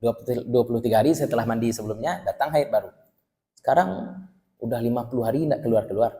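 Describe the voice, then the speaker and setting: A man leads a religious text study, his voice at an ordinary middle pitch. He reads Arabic lines aloud, translates them phrase by phrase and breaks off for casual remarks to his students. His voice rings with the long reverb of a large hall. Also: fast, mellow. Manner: reads Arabic text then translates line by line, conversational asides. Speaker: Islamic teacher. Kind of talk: religious book study lecture.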